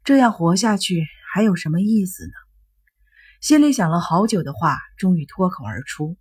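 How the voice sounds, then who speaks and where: Husky woman narrating a novel. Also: lowish voice, lively intonation, moderate pace, a little mellow. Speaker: audiobook narrator.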